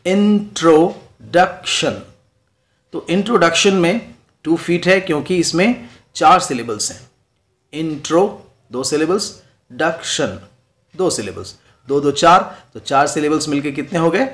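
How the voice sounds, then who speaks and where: A man's voice: fairly high pitch, lively intonation, moderate pace, fairly bright tone. Hindi-speaking male teacher explaining poetry. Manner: mixes English terms into explanations, checks in with "right?". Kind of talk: classroom lecture.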